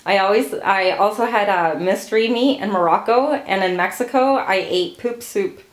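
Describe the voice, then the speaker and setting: A Portuguese-born woman in her late thirties answers family interview questions, telling stories in a relaxed way and laughing often. Her mid-range voice moves at normal speed, and the sound is roomy.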